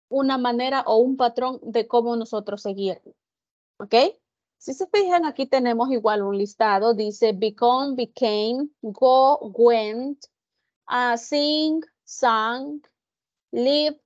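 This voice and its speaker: Slow, patient Spanish-speaking teacher woman. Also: on the high side, a little mellow, dry recording, dull audio. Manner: patient, explains slowly, addresses students directly. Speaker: English teacher. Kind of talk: online grammar lesson.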